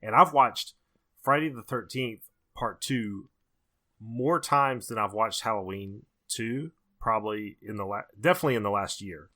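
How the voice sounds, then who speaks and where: A man co-hosts a horror movie podcast, offering casual, opinionated film commentary and repeating his points for emphasis. His lowish voice is bright and forceful, delivered at a moderate pace.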